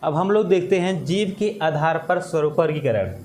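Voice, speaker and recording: A man teaching an exam-prep lesson, slow and repetitive, drawing out vowel sounds. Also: on the high side, a little mellow, a little hiss or hum.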